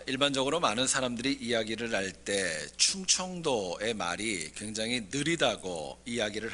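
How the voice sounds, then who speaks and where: A man's voice: fairly low pitch, pushed and bright. A male pastor giving a Sunday sermon in a church, mixing folksy jokes with scripture. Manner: folksy jokes with dialect impressions before scripture. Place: church sanctuary.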